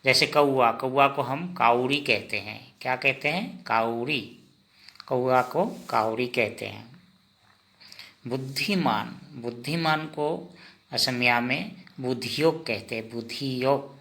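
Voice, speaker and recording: A man teaching vocabulary in a slow lesson, asking the listener each word and then repeating the answer. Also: medium pitch, vocal fry, bright, forceful tone. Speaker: language teacher.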